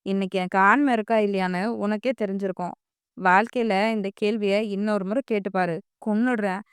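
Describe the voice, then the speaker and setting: A woman voicing a curt, intense young husband, speaking low, clipped and quick. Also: steady tone, clear, resonant tone, no room sound, clean studio sound, natural voice. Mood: threatening.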